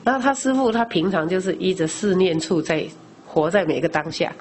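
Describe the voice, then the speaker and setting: A woman's voice: lowish voice, fairly quick, a little mellow, slight background noise. Lay Buddhist woman teaching a Dharma class. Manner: explains by asking rhetorical questions and answering them; frequent discourse particles, conversational teaching.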